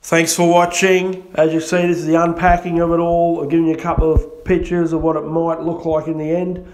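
Excitable Australian man, roomy showroom. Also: a little high, a little fast, far from the mic. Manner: excitable, cheery whoops. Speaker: shop owner and channel host. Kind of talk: casual unboxing chat. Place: motorcycle shop showroom by open doors. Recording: roomy, muffled, with loud background noise.

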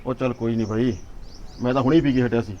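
A man's voice: mid-range voice, steady tone, fast, warm tone, dull audio. A man acting in a village drama, talking in an easygoing, agreeable way.

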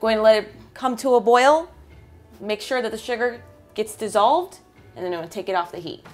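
A woman's voice: fairly high pitch, fairly quick, soft background music. A young woman hosting a fishing and cooking vlog, enthusiastically explaining each step as she fillets fish and makes sushi. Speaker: fishing and cooking channel host.

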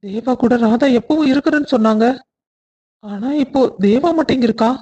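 A husky, dark-toned middle-aged cartoon man, as a woman puts him on, muttering in slow puzzlement as he works things out. His voice sits a touch high for a man. The audio is dull and lo-fi. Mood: puzzled.

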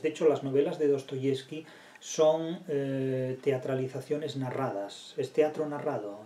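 A man's voice: medium pitch, warm tone, roomy sound. A man giving an academic literature lecture and reading passages aloud, digressive and full of rhetorical questions.

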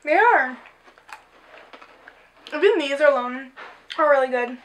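A young woman hosting a casual candy taste-test, chatty and quick to say things are gross. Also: sits high, animated, fairly bright tone, a little hiss or hum, rough recording. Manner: chatty, easily grossed out, giggly. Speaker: host.

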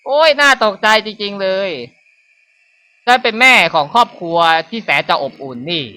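A man's voice: high-pitched, big pitch swings, moderate pace, bright, forceful tone, clear, resonant tone, voice pushed up, full character voice. A man voicing a creepy, falsely cheerful middle-aged housewife mother in a horror game. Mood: sugary creepy.

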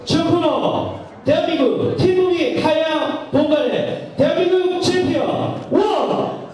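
Male ring announcer, fighting game announcer delivery, very high pitch, emphatic and rousing; heard from a distance with music behind. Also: a little slow, darkish tone, very echoey. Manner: formal, emphatic, rousing the audience. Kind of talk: fighting game announcer style ring calls, drawn-out and shouted introductions. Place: large indoor sports restaurant event hall.

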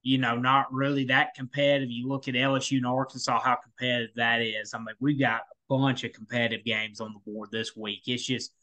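A man's voice: medium pitch, little pitch movement, brisk, few pauses, pushed and bright. A man co-hosting a college football podcast, talking casually with lots of fillers and restarts. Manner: rambling, many restarts and fillers. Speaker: podcast co-host. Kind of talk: casual sports talk.

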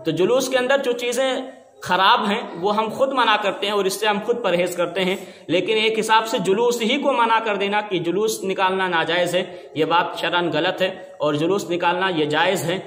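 With a high, fairly bright voice, a man gives a forceful, argumentative Islamic sermon. He is a preacher, and the recording has the long reverb of an echoey room.

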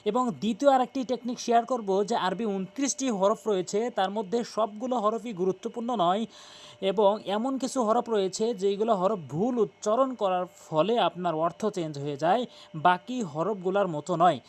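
Guy teaching quran reading, high voice, spells letters out slow and repeats fixes. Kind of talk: tutorial on Quran pronunciation.

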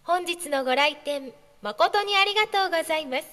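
A woman's very high, bright voice makes polite, carefully measured announcements to shoppers. Her formal, honorific delivery carries over a public address system, trailing a long reverb through a large hall. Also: lively intonation.

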